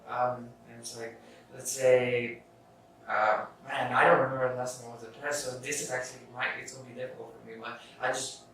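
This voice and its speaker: A man's voice: mid-range voice, flat delivery, fairly quick, fairly bright tone. A young man hosting a casual self-help podcast, rambling through his thoughts with restarts and casual swearing. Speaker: podcast host. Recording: echoey room, far from the mic, faint noise.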